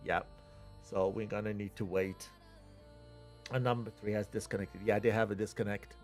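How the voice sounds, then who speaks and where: A man's voice: fairly low pitch, little pitch movement, moderate pace, faint music behind. A middle-aged man from Iran, unhurriedly thinking aloud as he commentates a live flight-sim tournament from home. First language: Persian. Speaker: stream commentator.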